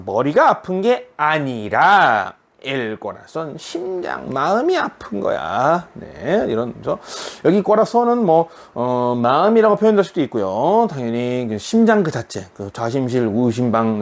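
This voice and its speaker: A Korean man teaching a beginner Spanish lesson, explaining grammar step by step and reading example sentences slowly. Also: medium pitch. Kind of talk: online language lesson.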